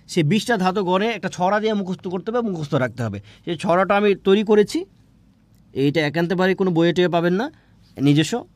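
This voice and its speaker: A man teaching an exam-prep grammar lesson, asking questions and answering them himself, drawing words out slowly. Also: high-pitched, no echo.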